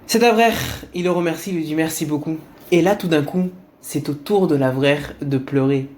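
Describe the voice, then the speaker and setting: Male storyteller, animated moral-tale narration. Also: fairly high pitch, moderate pace.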